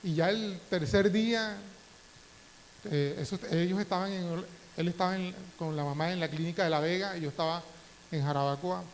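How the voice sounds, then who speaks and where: A man's voice: sits high, moderate pace. A middle-aged man, a pastor from the Dominican Republic, preaching a sermon and telling personal stories with rising emotion. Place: church hall. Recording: faint hiss, long church reverb.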